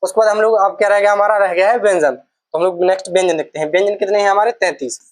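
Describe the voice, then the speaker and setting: A woman's voice: medium pitch, steady tone, fast talker, rough recording. A woman teaching an exam-prep Hindi lesson, going through each letter patiently, repeating sounds and asking the class questions.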